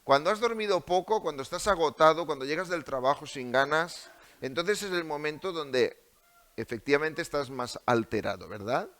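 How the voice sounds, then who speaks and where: A man's voice: a little high, lively intonation, moderate pace, fairly bright tone. A male preacher with a Spanish accent delivering a sermon in a church, asking the congregation many rhetorical questions. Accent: Spain.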